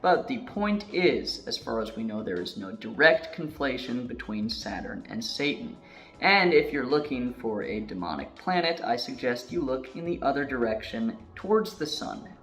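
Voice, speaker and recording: A man narrating a video in a casual scripted style, chatty, with joking asides, and a voice that is going a little hoarse. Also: mid-range voice, big pitch swings, moderate pace, a bit bright, soft background music. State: losing his voice. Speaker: YouTube narrator.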